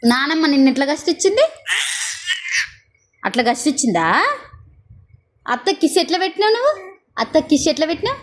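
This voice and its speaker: A woman's voice: high voice, sing-song, racing. A young woman, talking playfully to a baby in repetitive, coaxing, sing-song questions.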